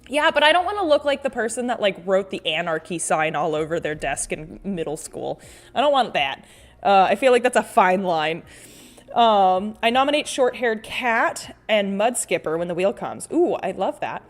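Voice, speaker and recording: A woman's voice: medium pitch, expressive, moderate pace. A woman hosting a casual livestream, chatting playfully with viewers in an exclamatory, rambling way, often interrupting herself as she reads and reacts to comments. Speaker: livestream host and artist.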